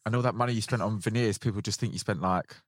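A man's voice: fairly low pitch, steady tone, fast talker, no room sound, clean studio sound. A man hosting a casual podcast chat, candid and teasing in the way he talks. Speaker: podcast host.

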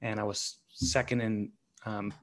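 A man in his thirties, a former pro hockey player, telling his story as a podcast guest in a halting way with many pauses. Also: lowish voice, level tone, a bit bright. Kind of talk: conversational storytelling.

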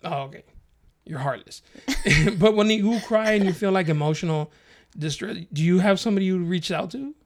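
A man's voice: sits high, normal speed. A man co-hosting a podcast, chatting casually and telling joking, profane stories with frequent laughter. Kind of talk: casual chat.

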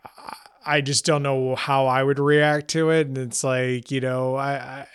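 A man's voice: mid-range voice, level tone, measured pace, clean tone, no room sound, clean studio sound. A man hosting an interview podcast, asking careful questions and hesitating as he searches for words. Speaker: podcast host.

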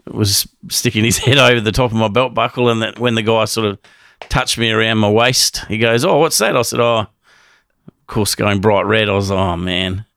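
A man's voice: on the low side, level tone, normal speed, fairly bright tone, no room sound, studio quality. A man, sheepishly telling a funny personal story as an interview guest and laughing as he goes. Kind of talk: casual storytelling.

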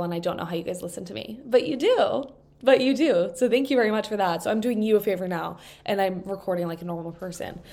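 With a bit of vocal fry, a young woman hosts her casual solo podcast indoors at a table, the mic propped in front of her. Her mid-range voice is a little mellow, and she rambles chattily with lots of fillers, stuffed up from allergies.

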